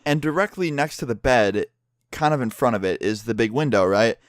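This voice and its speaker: A man rambling through a storytime vlog, swearing freely and talking in an animated way. His voice is middle-pitched and the recording is dry, with no room echo. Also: a little fast. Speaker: vlogger. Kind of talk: casual storytime.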